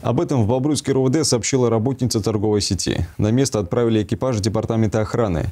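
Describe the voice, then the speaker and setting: Brisk low-voiced male news anchor. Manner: brisk, even newsreader delivery. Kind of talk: scripted news reading.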